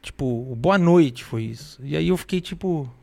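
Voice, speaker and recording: A man's voice: on the high side, normal speed, creaky. A man with a Brazilian Portuguese accent, a guest telling casual stories full of street slang. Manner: animated storyteller with street slang. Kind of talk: casual storytelling interview.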